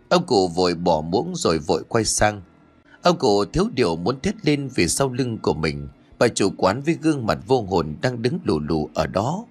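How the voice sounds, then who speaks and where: Animated low-voiced male horror storyteller. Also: breathy edge. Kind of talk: scripted horror story narration. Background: faint music.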